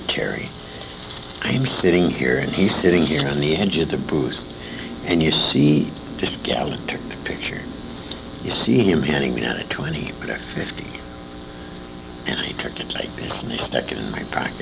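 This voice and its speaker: On a noisy amateur recording from a live interview at a radio convention, an old-time radio veteran in his 60s speaks in a very deep, gravelly American voice. He's a guest reminiscing casually, spinning lively anecdotes and repeating points for emphasis.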